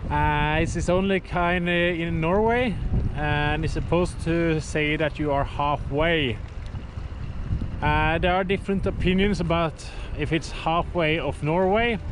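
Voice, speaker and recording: A man in his thirties vlogging from his kayak at sea, talking haltingly with fillers as he thinks aloud. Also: on the high side. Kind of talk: casual solo travel vlog narration. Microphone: action camera on the kayak. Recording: wind noise on an action camera. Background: wind and water.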